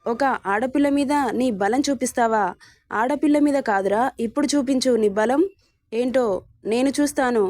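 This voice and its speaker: A woman's voice: a little high, moderate pace, darkish tone, dry recording, natural voice. A woman voicing a vengeful young man who taunts and threatens his captive in a read-aloud story. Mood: taunting menace. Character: vengeful young man, hero, cold and menacing.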